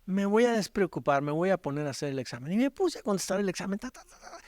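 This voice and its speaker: A middle-aged male pastor with a Mexican Spanish accent, preaching a storytelling sermon that swings from loud, animated peaks to hushed, quiet passages. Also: high-pitched, fast, no room sound, studio quality.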